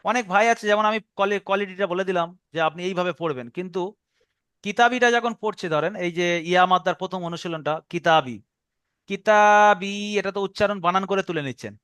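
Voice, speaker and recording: A man's voice: sits high, very fast, fairly bright tone, smooth, no room sound. A man teaching a Quran reading class over an online call, drilling pronunciation by repeating words.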